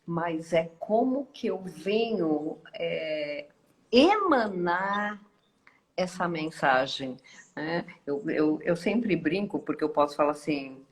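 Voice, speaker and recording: A woman, hosting a reflective live online talk in a slow, musing way with many hesitations and tag questions. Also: fairly low pitch, expressive, rough recording. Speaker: host.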